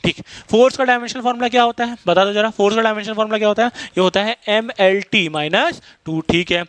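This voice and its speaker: A man teaches physics at a rapid clip, constantly quizzing his class. His voice sits fairly high for a man. The recording is close and dry. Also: fairly bright tone, clean tone, no echo. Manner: fast-talking, quizzes students, mixes Hindi and English terms. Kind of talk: classroom lecture.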